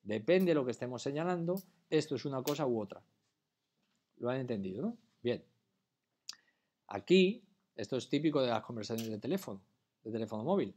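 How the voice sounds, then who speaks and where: A man from lectures a class at an ordinary, mid-range pitch. He explains step by step and keeps pausing to ask whether everyone has understood. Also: expressive, darkish tone. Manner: patient, keeps checking understanding with questions. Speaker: teacher.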